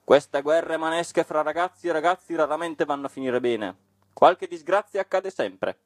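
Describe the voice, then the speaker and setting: A man doing a hoarse scolding old crab. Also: dry recording, studio quality, natural voice. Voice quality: hoarse booming voice like a trombone with a cold. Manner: scolding, slow and preachy. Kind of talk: storybook reading.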